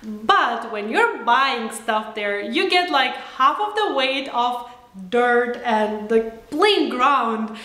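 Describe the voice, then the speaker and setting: High-pitched, excitable young woman in a roomy kitchen. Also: slow pace. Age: young adult. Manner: excited, giggly, expressive. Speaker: host of a home cooking challenge vlog. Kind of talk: casual chat to camera. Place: home kitchen, indoors.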